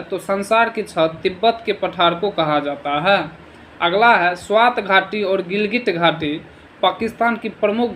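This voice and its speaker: A man's voice: sits high, fairly bright tone, slight background noise, poor audio. A man teaching an exam revision lesson, asking short quiz questions and answering them himself, sometimes stumbling over foreign place names.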